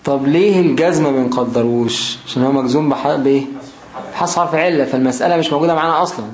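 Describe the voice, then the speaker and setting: A man with an Egyptian Arabic accent explaining a grammar text. He reads it out slowly, then keeps asking rhetorical questions as he goes. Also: a little high, darkish tone. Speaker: grammar teacher. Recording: roomy echo, faint background noise.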